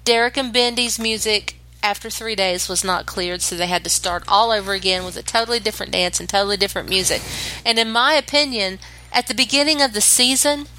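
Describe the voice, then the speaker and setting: A woman co-hosting a podcast in casual chat, talkative and opinionated, quick with a joke. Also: medium pitch, sharp tone, slight background noise, low-quality recording. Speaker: podcast co-host.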